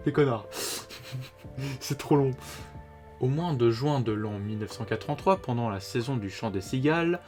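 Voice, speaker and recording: A young man talks through his anime picks in loose, slangy speech, full of filler words and the odd curse, dropping into a flatter reading voice for the plot summaries. His pitch sits in an ordinary middle range. Soft music plays quietly underneath. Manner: informal and slangy, many fillers, occasional swearing; reads synopses aloud in a flatter voice. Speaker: anime reviewer. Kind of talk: casual video commentary.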